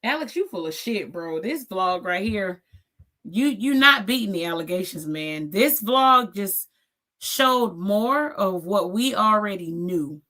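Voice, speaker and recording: A woman's voice: mid-range voice, lively intonation, unhurried, sharp tone. A woman in her forties hosting a reaction channel, giving blunt, sassy commentary and tagging her points with "okay?".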